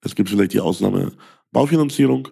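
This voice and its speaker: Husky, creaky and warm, this fairly low male voice moves at a brisk clip. He's a sales coach from Ukraine talking solo on a podcast, sprinkling in lots of fillers and tagging sentences with a rhetorical "ja?".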